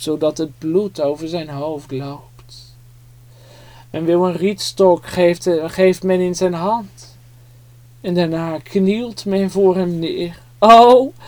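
Slow, dramatic children's Bible storyteller. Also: mid-range voice, warm tone, no echo. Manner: dramatic, vivid, addresses children directly.

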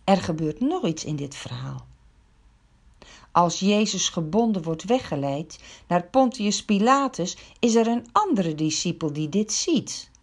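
Woman telling kids a bible story, slow and super expressive. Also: on the low side. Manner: expressive, questioning, dramatic. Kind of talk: storytelling for children.

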